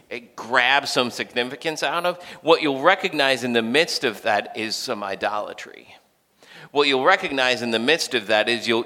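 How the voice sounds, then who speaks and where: A man giving a sermon in a conversational way, moving between animated questions and quiet, hushed points. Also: medium pitch, big-room sound. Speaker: preacher.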